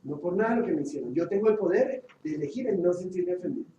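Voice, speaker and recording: Male trainer, high mellow voice, quizzes group; recorded far off in echoey room. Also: expressive, quick pace, muffled recording. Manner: asks the group questions, stresses key points. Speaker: workshop trainer. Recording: echoey room, far from the mic, faint hiss.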